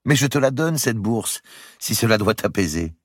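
Un homme qui prête sa voix à une jeune princesse joueuse, moqueuse et coquette, dans un livre audio. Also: male voice, fairly low pitch, lively intonation, normal speed, slightly rough, no room sound, clean studio sound, pitched above the performer's own voice. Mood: taquine. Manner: mocking, coquettish.

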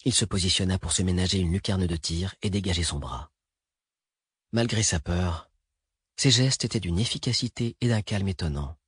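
A man narrating an action thriller audiobook in a steady, even read. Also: low voice, moderate pace, breathy edge, dry recording. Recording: dry close recording.

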